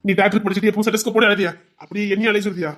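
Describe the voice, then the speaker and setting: A man with a Tirunelveli Tamil accent voicing a relaxed, teasing young village farmer in a dramatized story. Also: high-pitched, racing.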